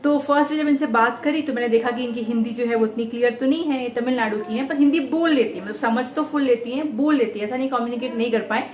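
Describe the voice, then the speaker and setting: A young woman chatting casually in a home vlog, talking quickly and fluently. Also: on the high side. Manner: chatty and quick, mimics others' speech. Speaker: vlogger. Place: indoor home. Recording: echoey room, faint background noise.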